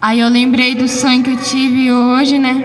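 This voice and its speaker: A woman tells her testimony to a church, lively and acting out every exchange. Her voice sits a little high. It rings out with a long echo through a large church hall over a faint hiss. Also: a little slow. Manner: animated storytelling, acts out dialogue. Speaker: church member giving testimony.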